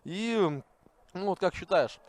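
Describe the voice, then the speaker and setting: A man with a notably high voice commentates a live football match as one of a pair. His delivery is excitable, climbing toward shouts as the play gets dangerous. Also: takes it slowly, no echo. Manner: excitable, rising to shouts at attacks.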